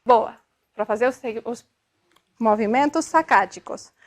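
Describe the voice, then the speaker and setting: High-voiced woman lecturing a class. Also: measured pace. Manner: explanatory, checks in with frequent tag questions; demonstrative, sounds out syllables to illustrate. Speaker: optometry lecturer.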